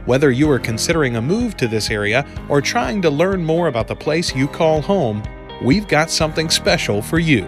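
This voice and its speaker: A man announcing the intro of a podcast in a lively, announcer-like way. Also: fairly high pitch, normal speed. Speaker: show announcer. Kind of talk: scripted show intro. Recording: intro over clear guitar music.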